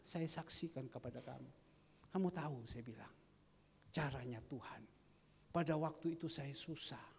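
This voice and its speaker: A middle-aged man from Indonesia preaches from the pulpit, his voice set a little high and gravelly. He swings between hushed whispers and loud, pressing peaks of emphasis, with a husky edge throughout. The sound carries a long reverb from a church hall. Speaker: pastor. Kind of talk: sermon.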